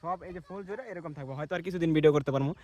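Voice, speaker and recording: A man's voice: on the high side, racing, a little mellow. A man from Bangladesh vlogging outdoors while walking through mustard fields, chatty and colloquial, talking to the camera he holds. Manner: chatty, colloquial, often says "ঠিক আছে". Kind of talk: walking vlog.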